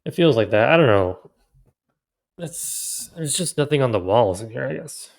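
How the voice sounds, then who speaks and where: A man's voice: mid-range voice, lively intonation, normal speed, gravelly, a little mellow. A man co-hosting a casual film-review podcast, recorded in a bare room with nothing on the walls, so his voice echoes like a cave. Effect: echoey bare room that sounds like a cave. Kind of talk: casual chat.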